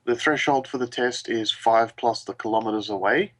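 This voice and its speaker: A man's voice: mid-range voice, normal speed, a bit bright, low-quality recording. A man playing a tabletop game over voice chat, matter-of-fact as he explains rules. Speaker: player.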